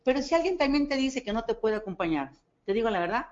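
A woman with a Mexican Spanish accent gives a motivational talk, her voice sitting a little high. She tells stories with animation, acting out the dialogue and checking that her listeners agree. The recording is dull and lo-fi. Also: very animated, fast talker, a little mellow. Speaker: network marketing speaker.

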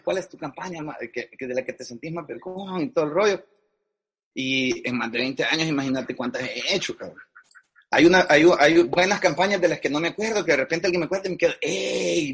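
A man's voice: on the high side, a bit bright, husky. A middle-aged man, a guest in a casual interview, talking frankly in slang and often restarting his phrases. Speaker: guest advertising executive.

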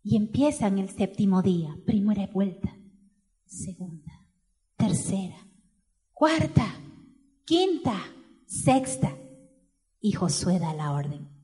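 A woman preaching a sermon in church, telling a story and asking the congregation questions, moving between hushed and loud passages. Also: medium pitch, expressive, takes it slowly, long pauses, faint music behind.

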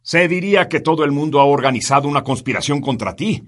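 A man's voice: mid-range voice, expressive, slow, husky, voice pushed up. A man voicing an ironic, impatient military officer riding as a passenger in a storybook reading. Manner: ironic, mocking.

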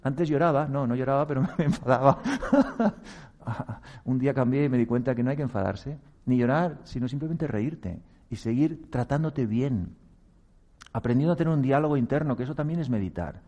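A man gives a reflective, motivational talk on meditation. His voice is warm and mellow at a medium pitch. He speaks earnestly, chuckles at his own mistakes and slips into acted quotes. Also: a little fast.

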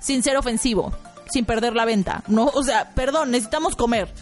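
A woman hosting a podcast, telling a work anecdote and acting out voices with high squeals. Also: a little fast, soft background music. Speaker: podcast host. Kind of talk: storytelling anecdote.

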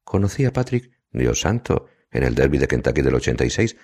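A man's voice: very deep voice, big pitch swings, a little fast, darkish tone, husky, heavily acted. A man voicing a spoiled, sarcastic young woman socialite in an audiobook, bored and mocking. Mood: gossipy.

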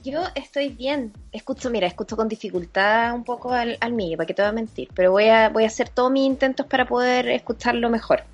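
High-pitched Chilean woman chatting. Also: fast talker, hardly any pauses, soft background music. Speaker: podcast co-host. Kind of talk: casual chat. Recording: dull lo-fi audio.

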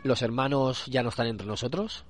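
A man from Spain with a hoarse voice from a cold, hosting a casual solo commentary podcast and often restarting his words. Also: medium pitch, faint music behind. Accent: Spain Spanish. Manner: halting, repeats and restarts words. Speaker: podcast host.

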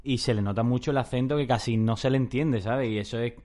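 A young man in casual podcast chat, often laughing and chiming in quickly. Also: medium pitch, darkish tone.

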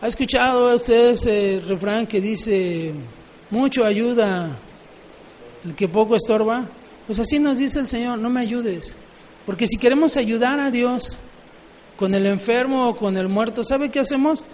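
A man with a very high voice delivers a sermon and keeps asking the congregation questions. His voice rings with a long reverb, and faint background noise sits underneath. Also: unhurried, a little mellow. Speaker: preacher.

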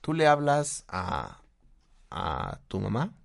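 Animated Mexican man giving advice. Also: fairly low pitch, takes it slowly, gravelly. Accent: Mexican Spanish. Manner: animated, acts out quoted voices, laughs often. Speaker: guest speaker, therapist. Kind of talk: casual conversational advice.

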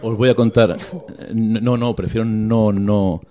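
A man's voice: on the low side, steady tone, takes it slowly, warm tone. A middle-aged man, a radio guest teasing and telling gossip with many restarts. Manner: chatty, teasing, hesitant restarts. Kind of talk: joking radio chat.

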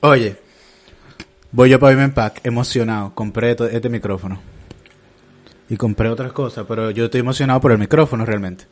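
A Dominican man hosting a podcast, telling a story about himself in a relaxed, self-mocking, slangy way. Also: medium pitch, fairly quick, long pauses. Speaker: podcast host. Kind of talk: casual storytelling chat.

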